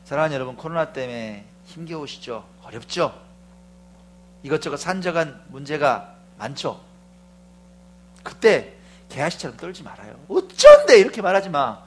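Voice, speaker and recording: A middle-aged male pastor preaching fervently, moving from hushed asides to shouted proclamations and often questioning the congregation. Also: a little high, animated, moderate pace, pauses often, a little hiss or hum. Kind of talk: sermon.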